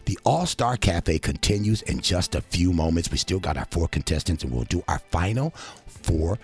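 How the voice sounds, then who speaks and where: A man's voice: deep voice, lively intonation, moderate pace, a little mellow. A man hosting a comic radio call-in show, boisterous and wisecracking. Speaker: radio host.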